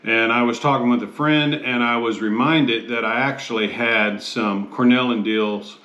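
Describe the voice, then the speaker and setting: Echoey, halting middle-aged American man. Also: mid-range voice, steady tone, fairly bright tone, highs cut off, slight background noise. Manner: halting, measured, pausing mid-phrase. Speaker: host of a pipe tobacco review show. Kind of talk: casual product review to camera. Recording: roomy, echoey sound.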